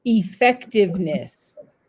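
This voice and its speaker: Woman slowly modelling English words. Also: mid-range voice, lively intonation, husky. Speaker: native English speaker modelling pronunciation.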